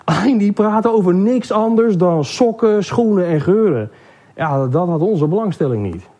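A man voicing a male hand, a churchgoer who is slow with his words and stammers as he explains why he is leaving. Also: high voice, animated, warm tone. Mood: hesitant.

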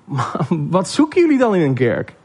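A man's voice: sits high, wildly swooping pitch, normal speed, a little mellow, breathy edge, heavily acted. A man voicing a male nose, a church leader who speaks sympathetically and asks questions. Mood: surprised.

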